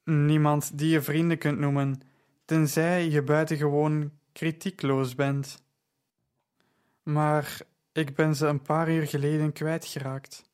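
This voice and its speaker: A man's voice: fairly high pitch, little pitch movement, slow pace, a little mellow, smooth. Man doing a slurring drunk stage actor. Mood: tipsy, grandiose. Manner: grandiloquent and formal.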